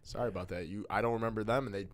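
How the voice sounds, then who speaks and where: A man's voice: on the low side, fairly even intonation, racing. A young man co-hosting a sports podcast, talking loosely in casual chat and often repeating his words. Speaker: podcast co-host.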